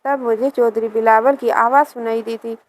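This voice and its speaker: A woman narrates a scripted first-person story in a steady, even manner. Her voice sits somewhat high, and she keeps one reading pace throughout. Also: low-quality recording.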